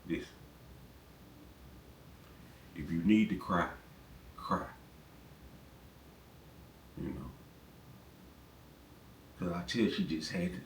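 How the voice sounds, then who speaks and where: Deep-voiced man rambling advice, roomy sound. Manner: rambling, conversational, repeats phrases. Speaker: relationship advice vlogger. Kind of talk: casual monologue. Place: in his truck. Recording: roomy, distant mic, faint rumble.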